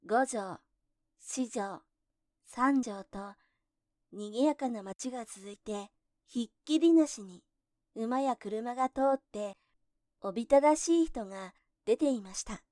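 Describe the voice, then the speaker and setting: A woman narrating a folk tale in gentle, measured storybook telling. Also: a little high, no room sound, clean studio sound.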